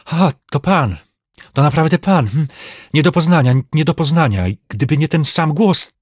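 A man doing an old servant exclaiming loudly. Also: animated, normal speed, breathy edge, no echo, clean studio sound. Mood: shocked, wailing. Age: older. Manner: loud, exclaiming, high-pitched. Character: elderly male servant, startled, then tearful and pleading.

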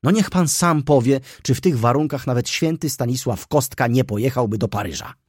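A man voicing an excitable, pushy young male shop clerk in an audiobook, talking in a breathless, indignant way. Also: mid-range voice, fairly quick, breathy edge, dry recording, studio quality, pitched above the performer's own voice, close to an everyday voice. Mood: agitated.

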